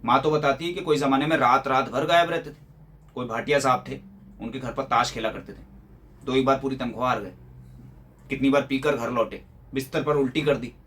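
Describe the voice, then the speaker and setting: A man's voice: mid-range voice, steady tone, brisk, fairly bright tone, a little hiss or hum, close to an everyday voice. A man acting a young office-worker son in a theatrical monologue, complaining with sarcastic rhetorical questions. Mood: exasperated. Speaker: actor performing a monologue.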